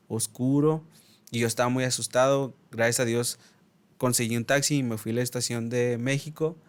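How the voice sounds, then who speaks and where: Un hombre joven de México con acento del norte de México, contando animado una anécdota personal en un pódcast, imitando los diálogos. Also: male voice, medium pitch, clean tone. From Mexico. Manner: animated storyteller acting out dialogue. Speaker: podcast co-host. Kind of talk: casual storytelling.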